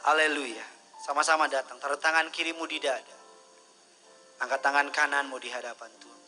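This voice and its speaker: A middle-aged man from Indonesia preaching a sermon as pastor, swinging from loud, high-pitched calls to hushed, near-whispered words and slipping English phrases in. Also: steady tone, a little fast, soft background music, poor audio.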